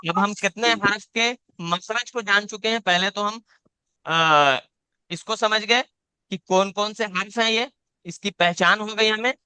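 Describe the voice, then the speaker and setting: Bright, clear-voiced male Quran teacher. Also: high-pitched, unhurried, no echo. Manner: patient, repeats points, demonstrates each sound aloud. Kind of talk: live online class, teaching letter sounds. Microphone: video call.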